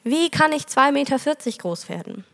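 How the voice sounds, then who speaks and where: A woman's voice: expressive, moderate pace, creaky, fairly bright tone, in a large hall, full character voice. A woman putting on a small earnest little girl. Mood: pleading. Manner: raised childlike pitch, pleading.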